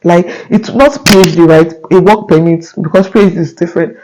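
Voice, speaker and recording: A man's voice: high-pitched, fairly quick, a little mellow, slight background noise, low-quality recording. A young Nigerian man with a Nigerian accent, talking earnestly to his viewers in a casual vlog, often checking in with "right?" and restarting his sentences. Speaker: vlogger. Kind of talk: casual talk to camera.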